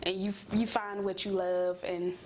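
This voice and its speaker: A woman's voice: medium pitch, flat delivery, a little slow. A twenty-year-old woman, answering interview questions in a casual, hesitant, unscripted way. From Alabama, United States. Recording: noticeable background ambience noise.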